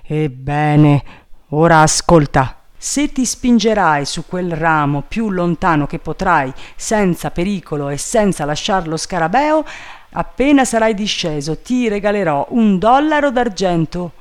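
Man doing an agitated, excitable gentleman. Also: high-pitched, unhurried, pitched above the performer's own voice. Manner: urgent, agitated calling out. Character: excitable, anxious male gentleman giving orders.

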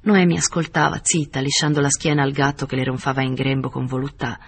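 A man reading literary narration for an audiobook in a measured, steady way. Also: mid-range voice, vocal fry, a little hiss or hum. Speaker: audiobook reader.

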